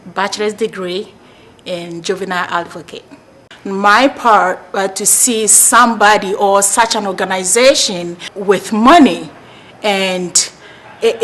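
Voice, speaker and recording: A woman from Ghana, a college student speaking in a soft, halting testimonial. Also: mid-range voice. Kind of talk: interview testimonial.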